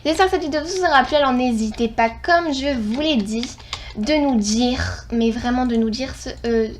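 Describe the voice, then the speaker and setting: High-pitched woman rambling through her gameplay, gets excitable, corrects herself a lot, bit of faint noise behind. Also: moderate pace. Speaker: gaming channel host. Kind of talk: casual gameplay commentary.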